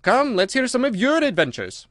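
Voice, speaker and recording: A man's voice: extremely high pitch, big pitch swings, moderate pace, fairly bright tone, dry recording, studio quality, voice pushed up, full character voice. Man putting on a bossy, impatient storybook Gryphon. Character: brusque, impatient, bossy male Gryphon beast. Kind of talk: storybook character voice.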